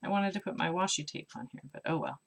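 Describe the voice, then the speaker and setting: A woman with a lowish, creaky voice teaches a live craft class at a quick pace. As a craft instructor, she chats casually and mumbles to herself while she works.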